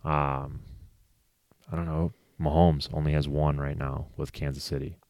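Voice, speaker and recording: A man's voice: a bass voice, flat delivery, measured pace, darkish tone, no echo, studio quality. A man co-hosting a podcast, chatting casually about football, laughing often and going off on asides. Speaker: podcast co-host. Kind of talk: casual sports chat.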